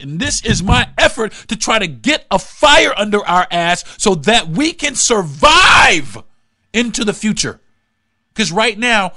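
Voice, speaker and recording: A man's voice: high voice, pushed and bright, dry recording, studio quality. A man hosting his own podcast, delivering a fiery, profane, pleading monologue. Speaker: podcast host.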